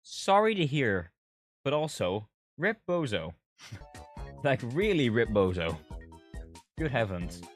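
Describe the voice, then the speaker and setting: A man's voice: mid-range voice, very animated, slow, pauses often, faint music behind. A young man streaming live to his chat over a headset mic. He talks casually, swears freely and speaks straight to his viewers.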